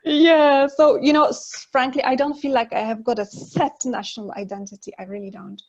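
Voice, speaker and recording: Speaking at a moderate pace in a high, fairly even voice, this woman in her forties, originally from Poland, is a guest relationship expert on a video call. She's chatty and candid, laughing often and filling her casual interview talk with fillers. She's in her living room using an earphone mic, and the sound is lo-fi.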